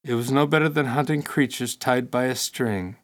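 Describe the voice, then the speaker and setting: A man's voice: medium pitch, moderate pace, natural voice. A man reading the lines of an eager, bold boy prince in an audiobook, lifting his voice a little and speaking earnestly. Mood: enthusiastic.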